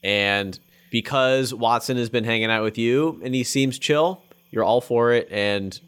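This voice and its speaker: A man's voice: mid-range voice, measured pace, a bit bright, smooth. A man narrating a tabletop game as game master, in a loose, conversational way.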